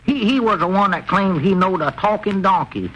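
An actor playing a slow-witted old country storekeeper with a folksy drawl, in a 1940s radio comedy. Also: male voice, high voice, expressive, a bit bright, low-quality recording. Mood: puzzled. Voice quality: folksy drawl, rural grammar. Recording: old radio broadcast, faint hiss.

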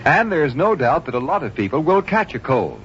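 A man's voice: on the high side, big pitch swings, a little fast. A man reading a chipper 1950s radio commercial in a polished, reassuring sales voice. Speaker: radio announcer. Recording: muffled vintage radio, faint noise.

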